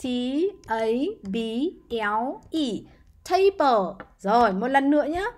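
High, slow-spoken woman teacher. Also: sing-song. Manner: spells words letter by letter, coaxing children with frequent "nhá" and "được chưa". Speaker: English teacher for young children. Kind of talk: slow, patient spelling lesson.

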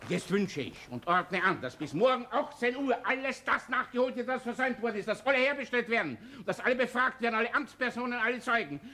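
An older male Austrian chief inspector in a berserk rage. The voice is sharp and pushed high, barking orders and reprimands in a television crime drama. The old soundtrack carries faint noise. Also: animated, quick pace, hardly any pauses, heavily acted. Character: burly older police boss in berserk rage. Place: office set.

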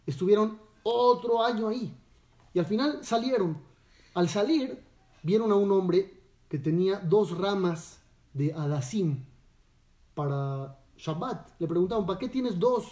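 A rabbi teaches a Torah lesson, telling the tale and checking in with his listeners through questions. His voice sits high but mellow. He is heard from a distance in an echoey room. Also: unhurried. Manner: storytelling, asks listeners questions.

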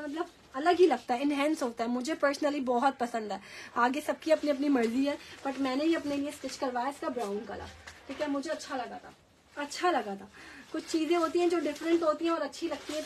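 A woman with a Pakistani Urdu accent and a sore, hoarse throat, chatting enthusiastically as she sells clothes on a live stream and keeps repeating the prices. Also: high-pitched, a little hiss or hum. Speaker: online clothing seller. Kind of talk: live-stream sales pitch.

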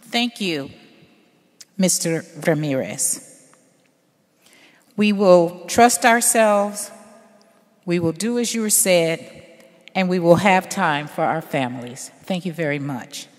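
Ceremony emcee, woman, gracious introductions, lower voice, echoing auditorium. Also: slow pace, long pauses. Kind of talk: formal ceremony hosting. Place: large auditorium stage. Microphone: podium microphone. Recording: long hall reverb.

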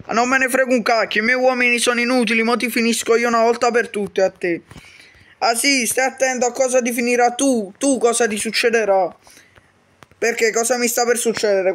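A man with a strikingly high voice performs every part of a comedic game role-play himself. His tone is bright and sharp. He rattles through quick, foul-mouthed bickering that often bursts into shouts. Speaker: YouTuber voicing all characters.

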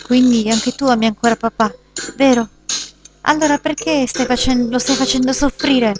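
A woman voicing a frightened little girl who pleads with her parents in a high, breathy voice. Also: steady tone, moderate pace, music in the background, natural voice. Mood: desperate.

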